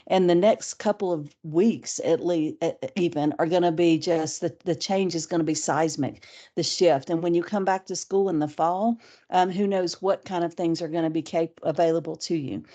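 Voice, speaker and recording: A woman's voice: fairly low pitch, warm tone. A woman presenting an online training webinar for teachers, talking in an easygoing way and thinking aloud with frequent restarts. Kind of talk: conversational online training talk.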